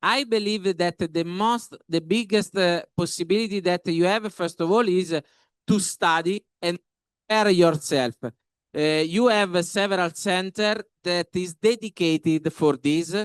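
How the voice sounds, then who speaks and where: A professor with an Italian accent gives panel remarks in a smooth, rather high voice, moving slowly phrase by phrase in halting yet emphatic non-native English. The recording is studio quality with no echo.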